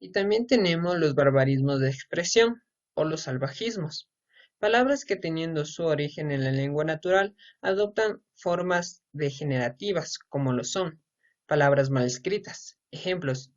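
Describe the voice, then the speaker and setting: A voice at a middle pitch reads a school presentation very slowly, listing examples one by one. The recording is dull and lo-fi. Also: animated. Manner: slow, deliberate listing of examples. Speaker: student presenter.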